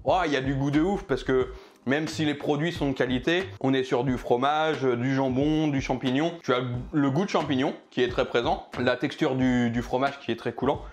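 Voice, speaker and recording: A man's voice: mid-range voice, steady tone, moderate pace, a little hiss or hum. A man reviewing pizzas for his food vlog, chatting casually and joking while he eats. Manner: chatty, jokey, eating while talking. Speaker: food vlogger.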